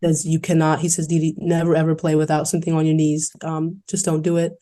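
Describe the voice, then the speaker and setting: A young woman from New York City, a college basketball player, telling her story in an earnest, fast-flowing way on a podcast interview. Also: low-pitched. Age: young adult. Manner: earnest, fast-flowing, quoting others in lively voices.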